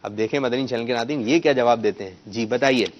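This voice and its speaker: A man hosting a children's quiz show, coaxing the kids and correcting their pronunciation. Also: mid-range voice. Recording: muffled lo-fi broadcast sound.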